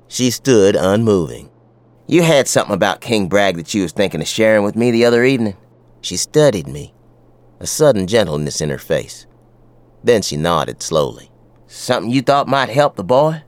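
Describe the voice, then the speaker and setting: A man's voice: on the low side, very animated, normal speed, no echo. An actor playing a wry, tough frontier sheriff who tells his western story in folksy talk with an American West accent. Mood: wry, reflective. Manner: folksy, colloquial. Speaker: narrator and lead character. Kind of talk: dramatized first-person western storytelling.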